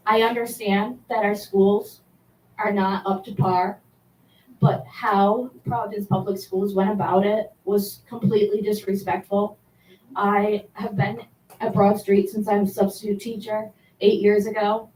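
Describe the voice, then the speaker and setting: A woman teacher giving an impassioned public comment at a board meeting, halting and restarting as she speaks. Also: medium pitch, a little mellow, recorded from a distance. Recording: roomy hall, speaker away from mic.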